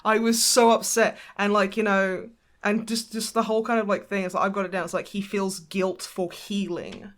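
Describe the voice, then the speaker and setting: Woman, podcast co-host, casual chat, animated, sweary, medium pitch. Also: normal speed. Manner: animated, sweary, emotional recapping.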